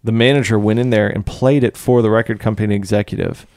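A man's voice: lowish voice, steady tone, fast talker, a little mellow, dry recording, studio quality. A man co-hosting a casual music podcast, joking and laughing often as he talks. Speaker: podcast co-host.

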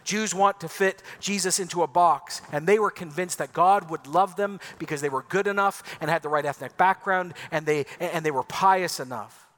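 A man with a high voice preaches an Easter sermon. He grew up in Ecuador and speaks in an emphatic, rhetorical style. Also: moderate pace, hardly any pauses, a bit bright. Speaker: pastor.

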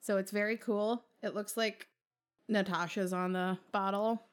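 A woman's voice: medium pitch, fairly even intonation, measured pace. A woman from Wisconsin co-hosting a podcast in casual chat, mostly giving dry, short replies. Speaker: podcast co-host.

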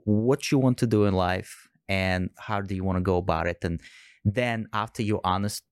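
A man's voice: deep voice, normal speed, clear, resonant tone, no echo, studio quality. A man in a casual podcast conversation, speaking earnestly and repeating his key words for emphasis. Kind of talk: casual chat.

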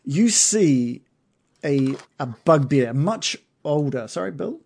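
A man running a tabletop game as game master, narrating casually in a halting, descriptive way. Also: fairly high pitch, expressive, vocal fry, darkish tone.

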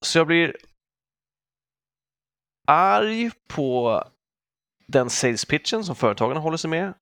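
A man's voice: a little high, no room sound, studio quality. A man in his forties telling stories in a casual podcast chat, acting out quotes as he goes. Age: 40s. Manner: animated storytelling with acted quotes. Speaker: podcast co-host.

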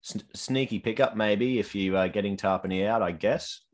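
Fairly low-pitched Australian man, casual. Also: moderate pace. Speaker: fantasy rugby league panellist. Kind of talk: casual sports chat.

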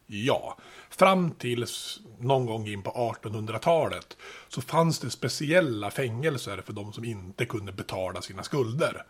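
Husky, low-voiced male podcast host. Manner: relaxed, chatty explaining with asides. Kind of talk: casual history storytelling.

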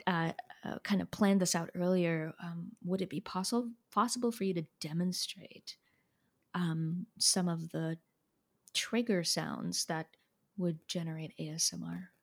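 A woman hosting a conversational interview podcast, speaking haltingly and repeating words for emphasis. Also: fairly low pitch, steady tone. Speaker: podcast host.

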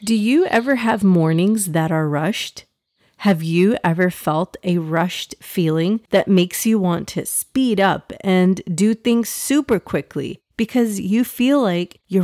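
A woman hosting and narrating for children in an expressive fireside storytelling style, speaking straight to young listeners. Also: fairly low pitch, no echo.

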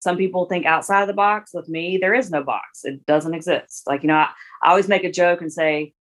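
A woman's voice: fairly low pitch, a little fast. A woman in her forties, a guest in a casual interview, talking in a rambling way with many restarts and fillers. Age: 40s.

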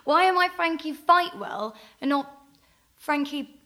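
Woman voicing a teasing action heroine, high bright voice, sardonic, comedy audio drama. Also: lively intonation, a little slow, full character voice. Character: wry adult female action heroine.

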